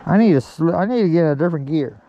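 A man's voice: fairly high pitch, lively intonation, fast, muffled recording, slight background noise. A man chatting and joking out of breath while riding a mountain bike trail outdoors. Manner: laughing, joking, thinking out loud. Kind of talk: casual chat while riding.

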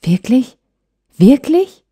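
A woman voicing a hurt young wife who pleads and reproaches her husband with urgency, in a mellow tone. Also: lowish voice, measured pace. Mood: questioning.

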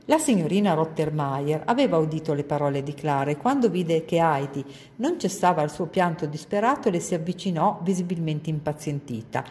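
Low, mellow woman reading aloud. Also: expressive, a little fast, hardly any pauses. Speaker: reader at a library. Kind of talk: reading a children's novel aloud.

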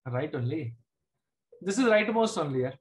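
A man's voice: a little high, sing-song, normal speed. Casting: male maths teacher, middle-aged, Indian accent, informal live online class, frequent short check-in questions. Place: indoors at a desk, screen-share video class.

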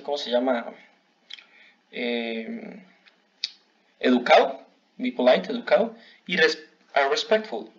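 A man teaching a bilingual customer service English lesson, modeling phrases slowly for learners to repeat. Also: mid-range voice. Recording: dull lo-fi recording.

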